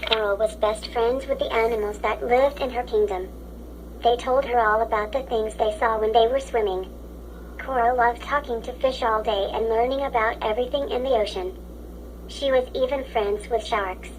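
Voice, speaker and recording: A woman's voice: fairly high pitch, steady tone, normal speed, a little hiss or hum, poor audio. A synthetic woman's voice with a robotic text-to-speech sound, reading children's stories aloud in a stiff, mechanical way. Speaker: story app narrator.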